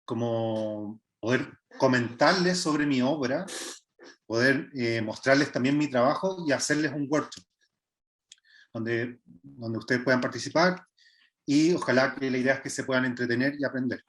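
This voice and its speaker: A Chilean man in his thirties, a visual artist, explains his work in an online workshop. His voice sits at an ordinary middle pitch, and he speaks hesitantly, often pausing on filler sounds and starting his sentences over. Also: a bit bright, slight background noise. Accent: Chilean Spanish. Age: 30s. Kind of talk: online art workshop presentation.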